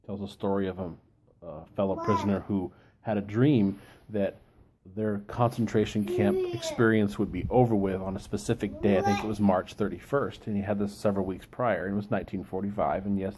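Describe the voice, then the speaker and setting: A man giving a reflective solo talk, explaining and quoting in a deliberate, halting way with pauses mid-phrase. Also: lowish voice, darkish tone, slight background noise. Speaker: book reviewer giving an informal chat.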